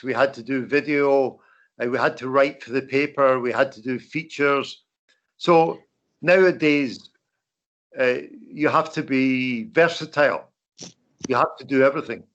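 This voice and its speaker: An older man with a broad Scottish accent giving an informal talk as a veteran journalist, halting and repeating words. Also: mid-range voice, a bit bright. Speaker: veteran journalist, guest speaker. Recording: dull lo-fi call audio.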